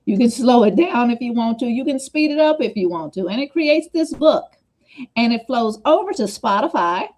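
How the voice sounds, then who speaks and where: A woman hosts a relaxed livestream chat over a video call. She talks quickly and hops from point to point, circling back with chatty asides. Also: a little high. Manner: fast, scattered, chatty with repeated asides.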